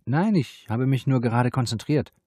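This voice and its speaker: A man voicing a tense young female library worker, raising his husky voice high for her upset, pleading lines. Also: animated, normal speed, warm tone, no room sound, studio quality, exaggerated voice.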